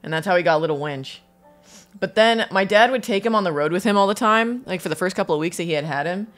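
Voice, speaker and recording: A woman's voice: lowish voice, fast, fairly bright tone, soft background music. A woman co-hosting a podcast in casual chat, laughing often and telling a story with lots of swearing, at home with her dogs in the room. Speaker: podcast co-host. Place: home studio with dogs present.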